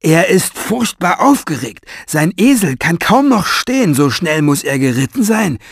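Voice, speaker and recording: A man voicing a big, good-natured strong man who blurts everything out loudly and gets flustered. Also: a little high, very animated, measured pace, gravelly, slightly rough, no room sound, clean studio sound, voice pushed up, exaggerated voice.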